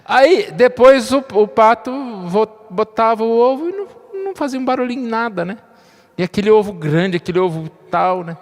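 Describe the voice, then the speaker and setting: Male pastor, fairly high voice, conversational sermon with light jokes, long church reverb. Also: brisk. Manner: conversational, frequent tag questions, light humor.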